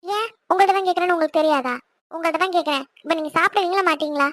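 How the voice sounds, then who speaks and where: A woman voicing a young wife in an animated series, arguing and pleading quickly and insistently. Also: very high voice, no room sound. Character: young wife, stubborn and outspoken.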